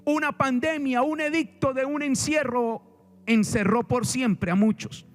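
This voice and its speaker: Colombian caribbean pastor, fairly high voice, preaching hard, repeats himself, throws questions at the crowd. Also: male voice, steady tone, unhurried. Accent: Colombian Caribbean Spanish. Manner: emphatic preaching with rhetorical questions and repetition. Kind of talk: sermon.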